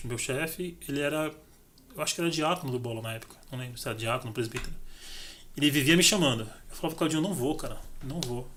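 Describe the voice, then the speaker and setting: A middle-aged man from Brazil, medium-pitched, recounts his life story as a podcast guest in easygoing chat, animated and acting out dialogue. A little hiss or hum runs under the recording.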